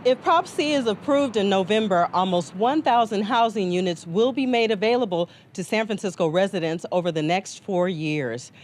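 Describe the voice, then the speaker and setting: A woman's voice: medium pitch, normal speed, few pauses, darkish tone, a little hiss or hum. An American woman reporting scripted TV news as an anchor and correspondent.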